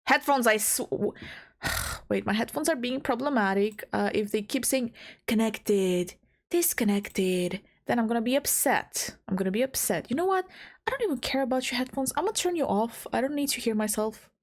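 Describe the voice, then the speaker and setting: A young woman from the Balkans in Southeastern Europe, with a slight Albanian accent and a blocked nose, talks at normal speed in a voice on the high side. She's a VTuber muttering to herself between takes on a home mic, frazzled and giggly, scolding herself and restarting lines.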